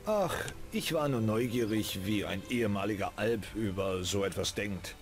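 A man's voice: fairly low pitch, expressive, normal speed, soft background music, lightly acted. An actor voicing a curious, wry male desert outlaw in a video game, talking in an easygoing, teasing way.

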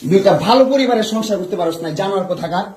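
Young man shouting furious insults. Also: high voice, racing, slight background noise. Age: young adult. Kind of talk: heated domestic argument. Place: bedroom of a home.

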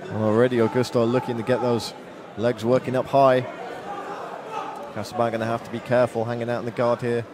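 A man with a mid-pitched voice calls a fight live as play-by-play commentator. An arena crowd and clear venue noise sit behind his voice. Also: flat delivery, fairly quick.

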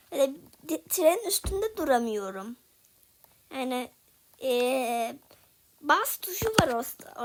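High-voiced young woman narrating gameplay. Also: slight background noise. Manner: frustrated, talks to viewers while playing. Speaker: gaming video creator. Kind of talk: casual gameplay commentary.

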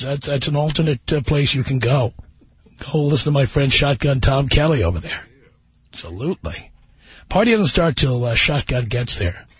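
A middle-aged man with a husky, medium-pitched voice hosts a live radio talk show, brash and joking as he teases his own studio staff. The broadcast sounds dry and dull.

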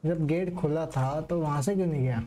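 A male game streamer giving live commentary, excitable and full of swearing as he reacts and asks chat for likes. His voice sits somewhat high with a dark, mellow tone. Faint noise hangs underneath. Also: fairly quick.

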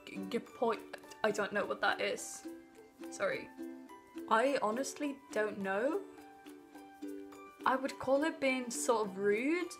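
A woman's voice: on the high side, takes it slowly, pauses often. A woman from Norway, a native Norwegian speaker, chatting casually into her phone in her living room, stumbling and apologizing as she goes, sounding a little off sick. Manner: chatty and self-conscious, with frequent stumbles and apologies. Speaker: vlogger. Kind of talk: casual vlog chat. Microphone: phone propped on a stack of things. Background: faint added background music.

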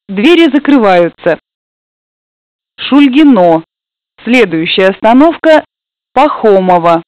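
A woman's voice: a little high, no echo. Woman announcing stops over a train PA. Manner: measured, formal, evenly spaced phrasing. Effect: commuter train public-address announcement. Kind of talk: recorded station announcements. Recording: dull lo-fi, dry.

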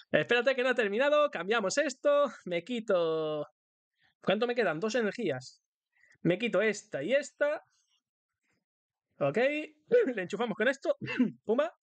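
A man's voice: very high-pitched, very animated, unhurried, long pauses, dry recording. Playful Spanish man streaming a game. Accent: Spain Spanish. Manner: playful, singsong, crude banter. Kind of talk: live gaming commentary.

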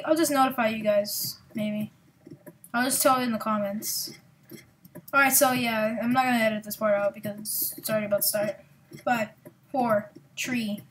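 A woman hosting her own gaming channel, giving excitable, rambling, self-mocking let's-play commentary into a desktop mic. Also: on the high side, a little hiss or hum.

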